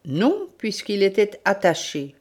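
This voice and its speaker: A woman's voice: medium pitch, huge pitch swings, slow pace, darkish tone, voice pushed up, full character voice. A woman voicing a tired, terse older male police chief who speaks in curt, growled words.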